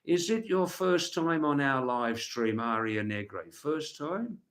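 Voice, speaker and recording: A man's voice: on the high side, animated, slow. A man hosting a casual livestream, chatting to viewers in a rambling way and repeating words and phrases for emphasis. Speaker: livestream host.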